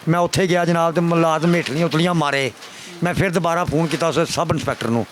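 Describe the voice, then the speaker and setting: A man's voice: a little high, steady tone, fast talker, slight background noise. An older man with a Pakistani Punjabi accent, giving a pleading, repetitive account to a reporter and often calling the listener sir. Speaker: complainant father. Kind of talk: emotional testimony to a reporter.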